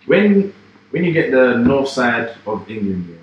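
A man's voice: medium pitch, sing-song, measured pace, highs cut off, a little hiss or hum. A young man co-hosting a podcast, chatting casually with jokey, rambling banter. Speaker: podcast co-host. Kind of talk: casual chat. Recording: echoey room.

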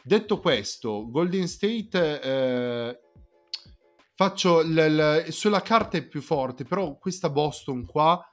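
A man's voice: fairly high pitch, expressive, slow pace, faint music behind. A man in a casual basketball discussion, speaking colloquially and emphatically and restating his points. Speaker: sports podcast panelist.

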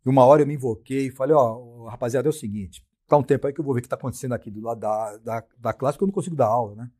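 Husky middle-aged guy w a brazilian accent, blunt and slangy, telling stories on a podcast and quoting himself. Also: mid-range voice, rapid-fire, dark tone. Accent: Brazilian Portuguese. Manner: blunt, slangy, acts out his own quoted lines. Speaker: podcast guest, sports science professor. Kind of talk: casual storytelling.

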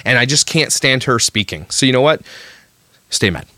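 A man's voice: mid-range voice, expressive, normal speed, bright, forceful tone, no room sound. A man co-hosting a podcast, ranting heatedly in casual chat. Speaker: podcast co-host.

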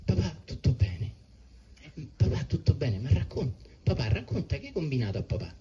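A man voicing a naive, eager young son who excitedly tells his father his adventures. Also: medium pitch, moderate pace, slightly rough, voice pushed up. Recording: muffled with steady background noise.

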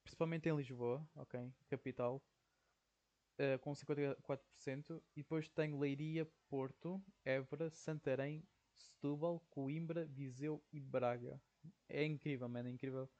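Rambling young Portuguese podcast host. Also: male voice, mid-range voice, steady tone, normal speed, a little mellow, lo-fi sound. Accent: European Portuguese. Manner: rambling, says "ok?" constantly, slangy. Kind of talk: casual solo podcast monologue.

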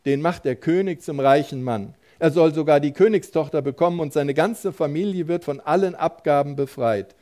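A preacher doing frightened excited soldiers. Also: male voice, fairly high pitch, normal speed, few pauses, lightly acted. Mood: alarmed. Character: frightened soldiers calling to each other.

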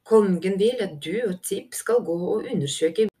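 A woman voicing a calm, earnest young male squirrel messenger in a fantasy audiobook. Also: mid-range voice, lightly acted.

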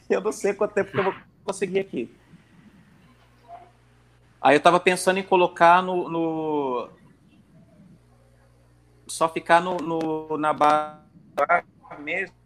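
A man's voice: on the high side, fairly even intonation, slow pace, pauses often, a bit bright. Hesitant man telling a faith story. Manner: hesitant, many restarts and fillers, storytelling. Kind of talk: casual livestream testimony. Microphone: phone during a livestream.

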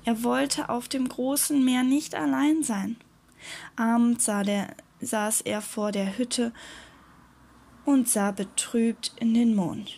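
A woman reading a children's adventure story aloud in a gentle storytelling manner. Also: a little high, steady tone, slow, creaky.

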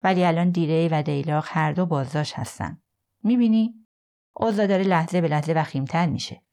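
A woman's voice: sits low, dark tone. A woman voicing a male federal agent in an audiobook, firm and insistent. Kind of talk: audiobook character voice.

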